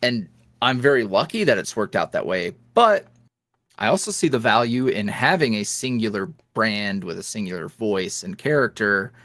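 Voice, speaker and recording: Chatting casually as a guest on an interview podcast, a young male voice creator known for ASMR roleplay rambles and keeps restarting. His medium-pitched voice is a bit bright, picked up by a headset in studio quality with no echo.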